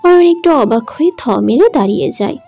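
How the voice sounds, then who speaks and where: A woman's voice: sits high, lively intonation, fairly quick, gravelly, warm tone, breathy edge, soft background music. A woman narrating a romantic audio drama in an emotive, dramatic manner. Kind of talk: scripted story narration.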